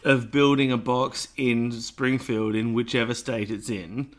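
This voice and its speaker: A man's voice: mid-range voice, fairly even intonation, measured pace. A man co-hosting a podcast in casual chat, rambling and self-mocking, laughing often. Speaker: podcast co-host.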